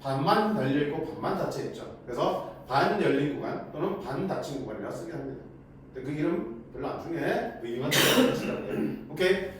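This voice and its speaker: High-voiced male math teacher in an echoey room. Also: expressive, fairly quick. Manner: chatty, asks students questions and answers them himself. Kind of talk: lecture to students. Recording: echoey room, mic at a distance, faint noise.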